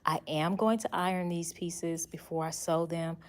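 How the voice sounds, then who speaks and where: A sewing channel host runs a relaxed tutorial from her sewing office, chatting and thinking aloud as she works. Her voice sits on the low side at a moderate pace, drifting closer to and farther from the added mic as she moves around, while the camera sits across the room. The recording has a roomy echo and faint background hiss.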